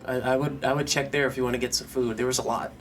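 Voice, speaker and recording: A man's voice: medium pitch, fairly even intonation, quick pace, a little hiss or hum, lightly acted. Stammering, jittery survivor guy, as a game master puts him on. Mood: shaken. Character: nervous male survivor guarding an empty storeroom.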